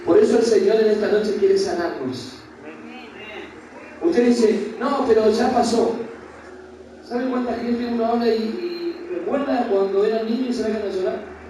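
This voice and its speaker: High-voiced pastor in an echoey hall. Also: male voice, dark tone. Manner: impassioned, questions the congregation directly. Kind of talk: preaching a Bible study sermon. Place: church hall. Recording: very echoey hall, voice from far off with background noise.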